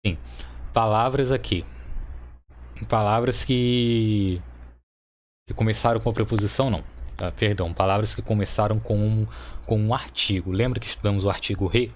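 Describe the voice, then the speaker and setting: A Brazilian Portuguese-speaking man teaching a grammar lesson, explaining step by step and checking in with quick tag questions. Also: on the low side, steady tone, slight background noise. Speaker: Hebrew teacher. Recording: dull lo-fi recording.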